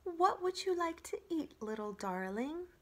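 A woman's voice: very high-pitched, sing-song, unhurried, voice pushed up, full character voice. A woman voicing a friendly female robot in a storybook, speaking in a cheerful, polite, formal and earnest way.

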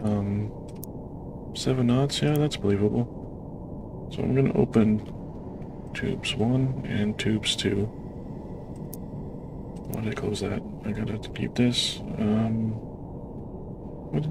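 A man giving casual, self-deprecating commentary while playing a submarine game, in a monotone way. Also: fairly low pitch, takes it slowly, gravelly, long pauses. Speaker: gamer playing a submarine sim. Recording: noisy game audio behind voice.

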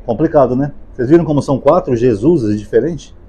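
A Brazilian man talks through the gospels in an easy, unscripted way, tossing in little fillers as he goes. His voice is very dark and mellow, with a husky edge. He speaks quickly, moving from point to point. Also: medium pitch, lively intonation. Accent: Brazilian Portuguese. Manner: conversational, many fillers like "né" and "tá". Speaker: YouTube Bible commentator. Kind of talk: casual spoken lecture on the gospels.

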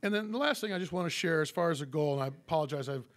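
Here a police chief in his fifties, not quite over a cold, delivers a public address into a podium mic in a meeting room. His voice is on the high side with lively intonation, though he halts repeatedly, using many fillers and restarts.

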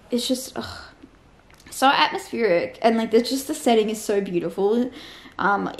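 A young woman with an Australian accent talks in a loose, frank way, sprinkling in swear words and fillers. Her voice sits a little higher than most women's. The sound bounces around a roomy space at home. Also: darkish tone. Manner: chatty, frank, swears freely, lots of filler likes. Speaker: book vlogger. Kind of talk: casual reading vlog chat. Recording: roomy echo.

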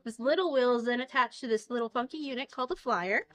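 Fast and somewhat high, with a slightly bright tone, a woman in her thirties walks viewers through fiber spinning in an informal demonstration. She keeps her explanations simple and relies on everyday comparisons; the setting is an indoor farm shop with a concrete floor, filmed on a handheld camera a little way off.

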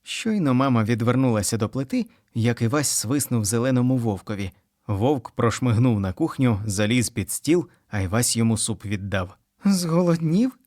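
A man narrating a children's story in an expressive storytelling manner. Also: medium pitch, moderate pace, dry recording, clean studio sound. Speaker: audiobook narrator.

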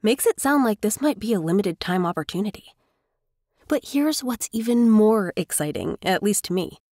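A woman hosts a scripted tutorial narrated over a screen recording, sounding conversational and enthusiastic. Her voice is mid-range and somewhat dark in tone, with lively intonation and a moderate pace. The recording is dry and studio quality.

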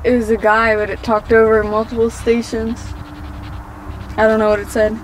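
Woman, fairly high voice, unhurried, casual ghost-hunt vlog, relaying messages, faint outdoor noise. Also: completely flat delivery. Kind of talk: casual paranormal vlog, relaying words heard. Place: outdoors in woods at night. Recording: noisy outdoor recording with ambient noise.

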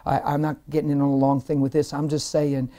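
A man in his forties giving an emphatic, animated personal testimony while seated in an interview, often breaking into laughter between points. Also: fairly high pitch, a little fast. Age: 40s. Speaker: interview guest, minister. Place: indoor lounge-style set, seated in armchair.

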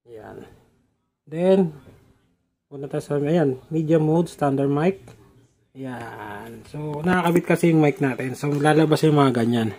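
A young motovlogger with a highish, mellow voice speaks unhurriedly, pausing often, in a casual how-to vlog about his motorcycle helmet camera setup. Chatty and full of repeated fillers, he calls viewers "lods," recorded on a helmet-mounted action camera mic outdoors at home and then while riding.

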